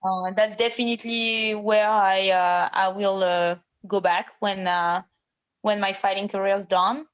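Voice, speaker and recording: A woman in her thirties, talking casually as an interview guest. She speaks haltingly and restarts her sentences often. Now and then she turns blunt and swears. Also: medium pitch, flat delivery, clean tone. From France. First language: French. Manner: hesitant, many fillers and restarts, blunt and swearing at times. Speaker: MMA fighter, interview guest.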